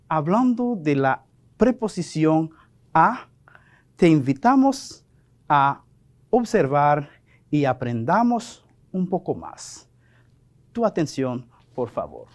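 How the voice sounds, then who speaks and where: A male teacher giving a televised French lesson, speaking slowly and patiently, spelling words out and repeating them. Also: fairly high pitch, darkish tone.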